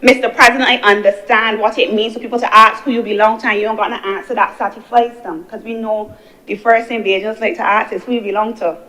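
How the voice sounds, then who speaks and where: A woman's voice: medium pitch, fairly even intonation, fast, bright, forceful tone, rough recording. A young woman giving an earnest parliamentary speech as a senator, building her points through repeated phrases. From Barbados. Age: young adult. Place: senate chamber.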